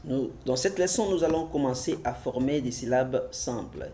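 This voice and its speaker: A man's voice: medium pitch, expressive, moderate pace, mellow, slight background noise. A man teaching a French literacy lesson, spelling letters and syllables aloud one at a time and repeating them for adult learners.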